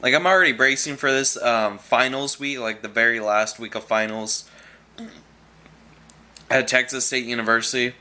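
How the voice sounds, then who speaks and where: This young male vlogger speaks at a moderate pace in a sharp, medium-pitched voice. Chewing gum throughout, he chats casually and rambles, full of filler words and sentences he starts over.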